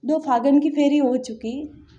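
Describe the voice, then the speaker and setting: A woman's voice: high voice, steady tone, a little slow, dark tone, dull audio. A young woman from Rajasthan earnestly recounting a personal story in casual interview talk, acting out her family's words as she goes. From Barmer, Rajasthan, India.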